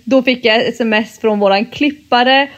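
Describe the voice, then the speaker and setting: A woman co-hosting a podcast in casual chat, telling stories in a relaxed, matter-of-fact way. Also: a little high. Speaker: podcast co-host. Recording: slightly dull lo-fi sound.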